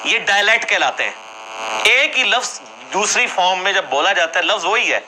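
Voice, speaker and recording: A man's voice: high-pitched, animated, bright, forceful tone, a little hiss or hum, rough recording. A man giving a classroom religious lecture, explaining points conversationally and checking that listeners follow. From Jhelum, Punjab, Pakistan. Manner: conversational, explanatory, asks for agreement with tag questions.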